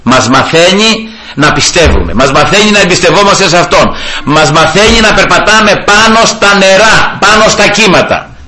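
A man preaching a sermon who keeps addressing his listeners as brothers and breaking into praise of the Lord. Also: sits high. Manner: animated storytelling, repeatedly addressing "brothers" and praising God.

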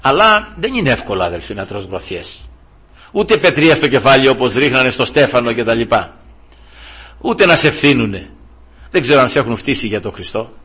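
A middle-aged or older man preaching a sermon to the brethren, telling a personal story and acting out quoted voices with sudden jumps in pitch. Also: bright, forceful tone, breathy edge.

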